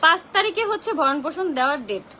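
A woman's voice: very high voice, animated, quick pace, pushed and bright, a little hiss or hum. A young woman venting on a phone livestream, heated and indignant and full of rhetorical questions. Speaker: social media livestreamer. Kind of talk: livestream rant.

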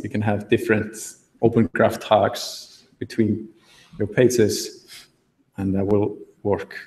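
A young man giving a relaxed tech talk at a meetup, thinking aloud with fillers from a podium in a large auditorium. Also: on the low side. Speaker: conference speaker. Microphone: podium mic, recorded from the hall. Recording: echoey hall.

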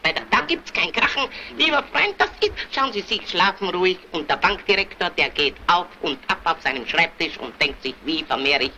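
An actor playing a fussy, excitable older bank cashier who talks in a pompous, lecturing way, in early sound-film acting, on a hissy, muffled 1930s film soundtrack. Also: male voice, high voice, heavily acted. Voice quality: pompous, lecturing, fast and fluttery when agitated.

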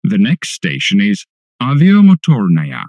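A man reads recorded subway announcements slowly and deliberately. His formal voice rises and falls very widely in pitch, with a dry, close sound. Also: wildly swooping pitch, a little mellow, no room sound. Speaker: English-language metro announcer.

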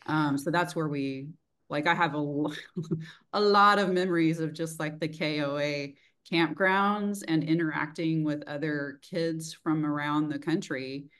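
A middle-aged interviewer from rural Texas speaks unhurriedly, her low-pitched voice fairly even in intonation yet fairly bright in tone. Informal and reflective, with a mild Texan accent and frequent "like," she hosts a casual video-call chat. The call mic sits at desk distance in a small indoor room.

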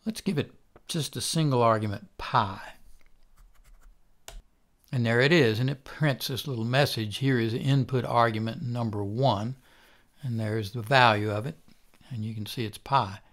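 An older man instructor giving a calm, methodical recorded programming lecture. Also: medium pitch, unhurried, long pauses.

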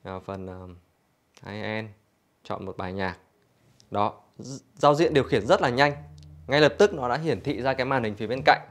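A man's voice: medium pitch, animated, moderate pace, long pauses. A man giving an infomercial-like product demonstration for a store, explaining conversationally to customers.

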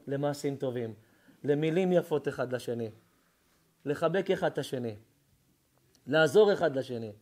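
A man who is a rabbi, giving a Torah lesson as a sermon, telling stories with feeling and swinging between hushed words and loud cries. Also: mid-range voice, pauses often. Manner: emotional storytelling, swings between hushed and shouting.

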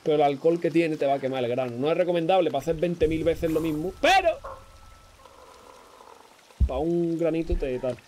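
Hombre español joven y charlatán, voz alta. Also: male voice, on the high side, warm tone, a little hiss or hum. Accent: Spanish from Spain. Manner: chatty and joking, talks to chat. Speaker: gaming streamer. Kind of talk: casual let's-play commentary.

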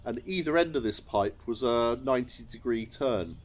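A middle-aged Englishman who owns a chateau sits in a sunny garden courtyard and tells a wry, understated story to camera, chuckling at his own mishaps. His voice sits in the mid-range, with lively intonation and a moderate pace.

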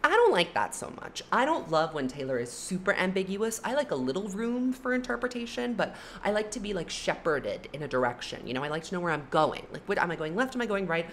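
A young adult woman with a low voice that swings widely in pitch, chatting in a lively, opinionated way and leaning on "like" fillers. A faint hiss of room noise sits under the recording. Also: a little fast, few pauses. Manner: animated, chatty, frequent "like" fillers. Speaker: music commentary YouTuber. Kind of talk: casual opinionated album ranking.

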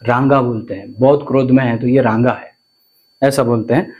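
A man's voice: mid-range voice, fairly even intonation, moderate pace, dull audio. A man, teaching vocabulary to viewers and often repeating words and asking questions. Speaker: language teacher.

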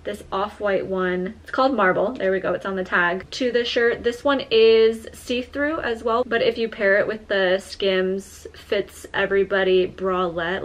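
Young woman, casual haul vlog, chatty, lots of filler words, mid pitch, small apartment, camera mic. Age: young adult. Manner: chatty, frequent "like" fillers, friendly address to viewers. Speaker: lifestyle vlogger. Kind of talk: casual try-on haul chat. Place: small modern apartment indoors.

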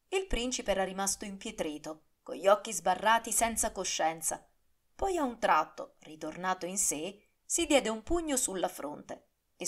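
A woman narrating a serialized historical novel audiobook in a dramatic, expressive storytelling manner. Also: on the low side.

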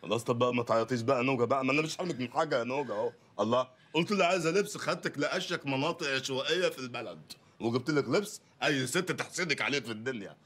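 A man's voice: medium pitch, fairly bright tone, close to an everyday voice. A man playing a brash Egyptian jokester. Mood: scolding. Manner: teasing, bickering, fast comic banter. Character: brash poor male lawyer, mocking joker. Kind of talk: film comedy acting.

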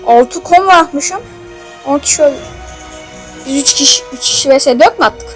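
A woman giving casual commentary while playing a mobile shooter game, excitable with loud outbursts and playful swearing, on a phone mic. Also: sits high, a little fast, soft background music.

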